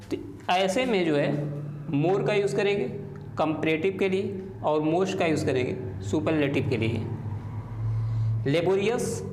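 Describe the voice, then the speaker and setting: Man teaching grammar slowly, letter by letter. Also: high voice, echoey room, noisy background. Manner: slow, step-by-step, spelling out letters. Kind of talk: explaining English grammar in a lesson.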